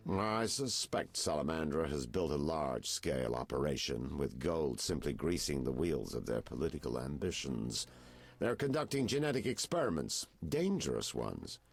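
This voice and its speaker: Very deep noir detective. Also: male voice, sing-song, moderate pace, creaky, breathy edge, faint music behind, full character voice. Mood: grave, confiding. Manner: noir detective delivery, theatrical and insinuating. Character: world-weary male private detective with noir flair. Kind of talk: video game dialogue acting.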